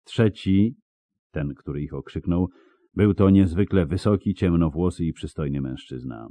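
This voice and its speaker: Male narrator, very low voice, dark tone, dramatic reading, animated pitch. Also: normal speed, no echo. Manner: vivid, dramatic storytelling. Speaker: audiobook narrator. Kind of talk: scripted narration.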